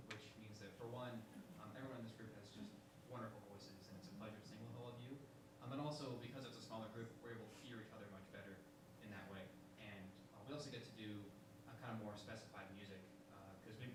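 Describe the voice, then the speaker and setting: A man's voice: fairly low pitch, background noise. A young man, a college choir singer, introducing himself and answering earnestly, rambling with fillers. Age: young adult. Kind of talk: onstage self-introduction and answer. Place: church sanctuary. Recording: very echoey church, distant mic.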